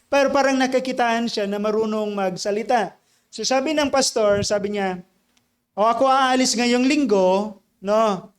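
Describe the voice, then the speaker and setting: A male pastor preaching a sermon. He switches between Tagalog and English mid-sentence and swings from loud exhortation to hushed storytelling. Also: high voice.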